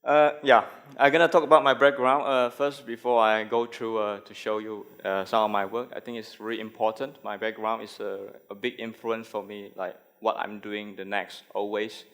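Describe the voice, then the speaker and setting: Halting Malaysian man giving a talk. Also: on the low side, steady tone, fairly bright tone. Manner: halting, many fillers and restarts. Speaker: conference speaker, graphic designer. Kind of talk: conference talk.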